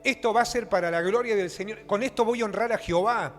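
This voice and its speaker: Preacher guy doing king david, grave and solemn, kinda high voice, echoey hall w/ soft music. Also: fast. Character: King David, older man, grave and reverent.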